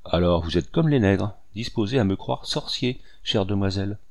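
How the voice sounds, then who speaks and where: A man voicing a wry, modest old hunter in a storybook reading, with a low voice. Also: animated, normal speed, darkish tone. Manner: amused, modest.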